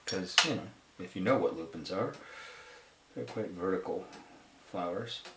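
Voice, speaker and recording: Low-voiced man rambling through a painting demo. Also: measured pace, roomy sound, heavy background noise. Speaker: watercolor painter demonstrating. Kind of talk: casual painting demo, thinking aloud.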